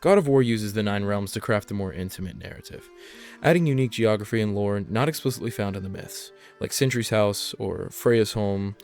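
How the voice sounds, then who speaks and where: A man's voice: on the low side, a little fast, a little mellow, faint music behind. A man delivering scripted explainer narration as the narrator of a video essay.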